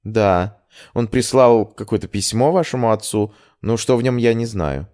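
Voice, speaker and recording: A loyal young maid, chatty and indignant on her mistress's behalf, as a man reads her in an audiobook. She rattles on deferentially in a fairly low voice. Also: animated, moderate pace, darkish tone, close to an everyday voice. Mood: reporting.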